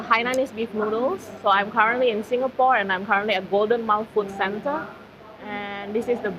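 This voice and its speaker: A woman live-streaming while eating at a food centre, chatting casually with her viewers and using lots of fillers. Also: medium pitch. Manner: chatty, filler-heavy, talks to chat. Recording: slightly dull audio, faint background noise.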